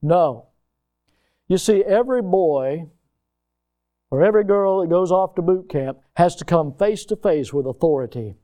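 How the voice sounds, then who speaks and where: Male preacher, high voice, emphatic delivery in a sermon. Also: expressive, a little slow, pauses often. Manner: emphatic, rising to loud peaks.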